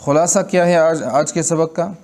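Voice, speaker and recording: A man from Pakistan teaching Quran recitation rules in Urdu, explaining each rule and then showing it in slow, drawn-out recitation. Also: on the high side, steady tone, darkish tone. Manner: repeats words and checks in with listeners. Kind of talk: Urdu tajweed lesson with recitation.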